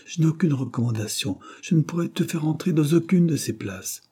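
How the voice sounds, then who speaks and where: A worried middle-aged mother, read by a male narrator, exclaiming with alarm. The voice stays dark and husky, only slightly lifted for her. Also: fairly high pitch, animated, fairly quick, voice pushed up. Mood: anxious.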